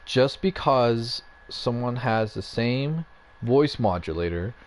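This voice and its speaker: A man's voice: medium pitch, expressive, takes it slowly. A young man in a casual, rambling gaming rant at home, getting fired up, with lots of fillers and restarts, speaking into a headset mic. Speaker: gaming YouTuber. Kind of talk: casual ranting commentary.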